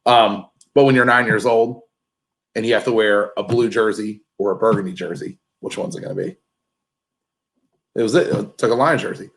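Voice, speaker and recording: A man's voice: on the low side, moderate pace, poor audio. A man from Maryland who is a guest on a podcast, telling a story in plain, matter-of-fact casual chat.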